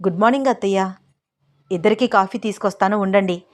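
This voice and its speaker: A woman's voice: medium pitch, quick pace, natural voice. A woman voicing a homely, fussing middle-aged mother who scolds fondly.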